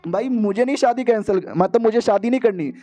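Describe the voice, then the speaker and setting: A man's voice: high-pitched, brisk, mellow, soft background music, pitched above the performer's own voice, lightly acted. A man voicing a proud, stubborn young heiress who talks in a bossy, teasing way, in a comic manga recap. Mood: refusing.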